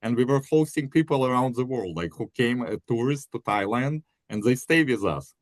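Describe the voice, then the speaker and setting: Ukrainian-born man, mid pitch, plain delivery, dry recording. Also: lively intonation, moderate pace, dry recording. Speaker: podcast guest, company CEO. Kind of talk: casual interview chat.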